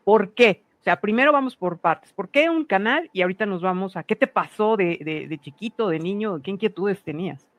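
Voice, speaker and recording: A woman's voice: mid-range voice, animated, dry recording. A woman hosting a channel and interviewing a guest over a video call, friendly and full of questions. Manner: friendly, inquisitive, quick questions. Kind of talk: casual interview chat.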